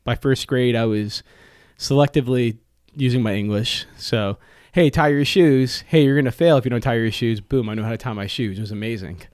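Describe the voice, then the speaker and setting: Speaking fairly quickly in a mid-range, darkish voice, a young man whose native language is Italian jokes around and uses plenty of fillers as a podcast guest. He owns a restaurant, and the casual studio interview is recorded at studio quality with no echo.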